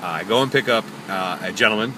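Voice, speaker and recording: A man's voice: fairly low pitch, fast talker, background noise. A man, a taxi driver, telling stories in a chatty, jokey, rambling way from his parked cab. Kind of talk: casual storytelling vlog. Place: parked taxi in a parking lot.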